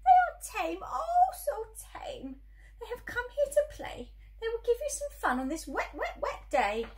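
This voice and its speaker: A woman's voice: extremely high pitch, wildly swooping pitch, a little slow, darkish tone, voice pushed up, heavily acted. Woman as swooping, showy Cat in the Hat. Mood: reassuring. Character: playful, carefree male cat, showman of tricks.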